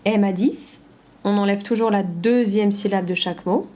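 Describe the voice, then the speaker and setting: A woman teaching a phonics lesson to young children, pronouncing each word slowly and clearly, syllable by syllable. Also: mid-range voice, warm tone, slight background noise. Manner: slow, clear syllable-by-syllable pronunciation.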